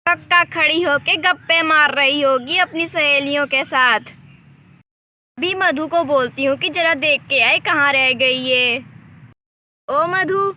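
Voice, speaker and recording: A woman voicing a scolding, nagging old mother-in-law in a doll village story, speaking sharply and loudly. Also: high-pitched, slow, exaggerated voice. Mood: grumbling.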